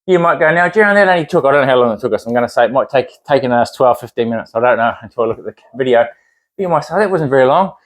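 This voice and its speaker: Racing along with lively intonation, this medium-pitched man leads a home workout as a fitness instructor. He has a New Zealand accent and keeps up encouraging chatter while counting his reps aloud.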